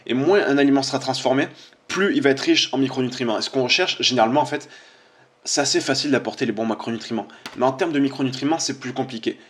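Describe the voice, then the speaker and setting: A man's voice: medium pitch, quick pace, a bit bright. Chatty fitness coach man. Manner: chatty, informal, hesitant with many fillers. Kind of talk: casual commentary on social media posts.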